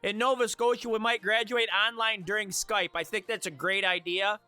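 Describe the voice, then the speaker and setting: A man's voice: high voice, fairly even intonation, normal speed, bright, forceful tone, clear, resonant tone, soft background music. A man from Michigan chatting casually with viewers on a live stream, joking and laughing at his own remarks.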